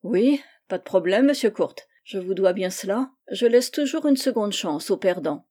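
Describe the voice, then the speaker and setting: A woman's voice: mid-range voice, animated, normal speed, mellow, lightly acted. A woman reading the part of a modest, polite young working man in an audiobook.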